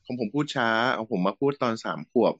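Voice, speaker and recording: A man telling a personal story in a casual chat, halting and restarting often. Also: medium pitch. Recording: dull lo-fi sound.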